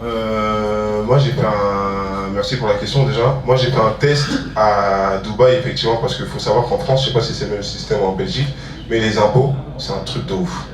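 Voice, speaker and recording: Speaking as a guest at a public talk, this Ivorian man, a music producer and entrepreneur, keeps it informal, leaning on slang and repeating phrases for emphasis. His voice sits on the low side with fairly even intonation at a normal speed. A distant mic in a roomy hall picks up audience murmur and a little hiss or hum.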